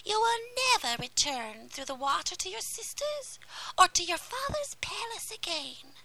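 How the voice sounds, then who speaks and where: A woman doing a shrill, scheming sea witch in whispered role-play. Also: sing-song, normal speed, vocal fry, bright, forceful tone, heavily acted, poor audio. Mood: demanding.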